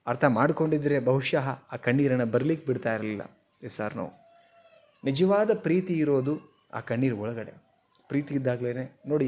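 A man's voice: mid-range voice, muffled recording. A man with a Kannada accent giving an earnest motivational talk to camera, asking the viewer questions on a simple mic. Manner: earnest, questions the viewer, mixes in English words. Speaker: motivational speaker. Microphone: simple mic, not professional.

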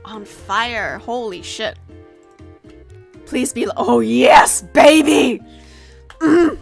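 Her voice a little high, expressive and creaky, a young adult woman talks extremely slowly on a gaming livestream. She's giggly, rambling and playful, speaking into a desk microphone with headset from a small room at home while music plays.

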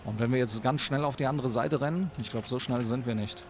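A man giving casual gameplay commentary as a let's play host, talking excitedly to the enemies on screen. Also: mid-range voice, fairly quick.

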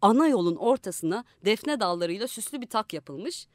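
A woman reading a literary short story aloud in a radio studio, acting out the characters with changes of pitch and loudness. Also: lively intonation, moderate pace, no room sound. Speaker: audiobook narrator. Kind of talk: scripted literary narration.

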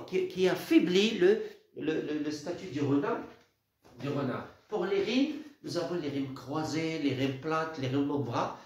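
A male teacher explains a poem in a halting way. He repeats words and restarts often, and his fairly high voice rings through a very echoey room. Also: darkish tone. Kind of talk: literature lesson.

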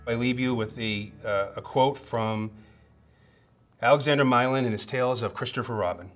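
A man closing a speech, storytelling and dropping his voice to a hush. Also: mid-range voice, moderate pace, faint music behind.

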